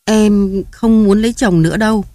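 A woman reading the part of a young mother, helpless and meek, talking softly and hesitantly. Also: mid-range voice, moderate pace, dry recording, clean studio sound, pitched above the performer's own voice, close to an everyday voice. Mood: tearful.

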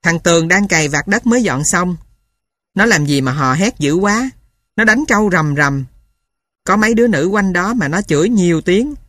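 A woman narrating a story in the first person, steady and storytelling. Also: fairly low pitch, moderate pace, no echo, clean studio sound. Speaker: audiobook narrator.

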